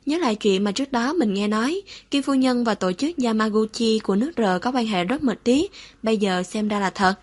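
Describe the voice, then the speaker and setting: A woman's voice: on the high side, lively intonation, fairly quick, darkish tone. A woman voicing a cruel, curious young woman interrogator who coaxes in a falsely motherly way while staying cold underneath.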